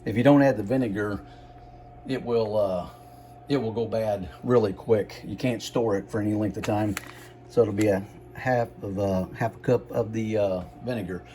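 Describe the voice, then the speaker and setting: A man giving a casual home cooking demonstration, explaining things in a halting, unhurried, folksy way. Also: fairly low pitch, steady tone, mellow, slight background noise. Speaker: home cook presenting a recipe.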